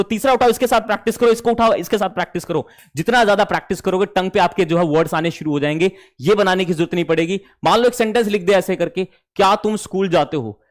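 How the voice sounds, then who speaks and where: A man teaching spoken English to students, explaining sentence patterns and repeating drill sentences. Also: on the high side.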